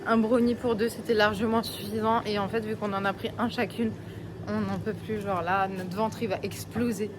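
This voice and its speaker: A woman's voice: mid-range voice, fairly even intonation, normal speed. Chatty young woman vlogging outdoors. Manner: chatty, gushing, filler-heavy. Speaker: travel vlogger. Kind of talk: casual vlog chat. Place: outdoors on a Greek island with traffic around. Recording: outdoor noise in background.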